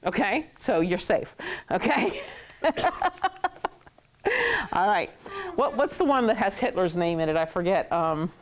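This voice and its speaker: A woman's voice: on the low side, unhurried. A woman teaching a class who jokes with her students, laughs often and repeats words to drill them. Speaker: Hebrew teacher. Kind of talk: classroom lesson.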